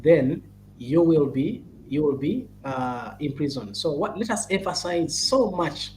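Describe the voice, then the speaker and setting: Man, fairly high voice, advocacy talk, halting and repetitive delivery, faint background noise. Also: animated, rough recording. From Uganda. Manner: halting and repetitive, with many "uh"s and restarts, urging earnestly. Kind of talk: advocacy talk, addressing parents and caregivers.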